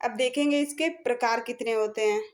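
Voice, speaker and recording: A woman with a high voice explains a grammar lesson. She goes step by step, repeating each point and pausing to check in with her students. Her speech mixes in terms along the way. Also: fairly even intonation. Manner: slow, repeats points, says "theek hai" often. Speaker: Hindi grammar teacher.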